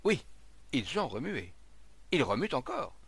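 A man's voice: mid-range voice, big pitch swings, unhurried, creaky, a bit bright, slightly rough, no room sound, heavily acted. A man voicing a burly, hairy-armed cartwright who urgently directs the crowd.

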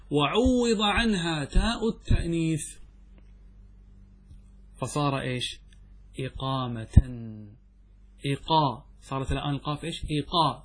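A man teaching Arabic grammar as a sheikh in a classroom lecture, explaining step by step, asking students questions and answering them himself, and reading quoted lines slowly. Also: on the high side, breathy edge. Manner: reads quotations from the text slowly and deliberately.

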